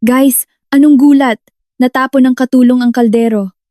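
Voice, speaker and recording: A woman's voice: high voice, steady tone, moderate pace, dark tone, no room sound, clean studio sound, lightly acted. A woman voicing a shallow young woman chatting on a livestream in a chirpy, showy way.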